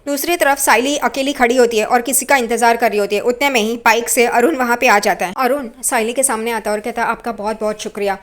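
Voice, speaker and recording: A woman retelling a TV serial episode in a brisk, conversational storytelling manner. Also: a little high.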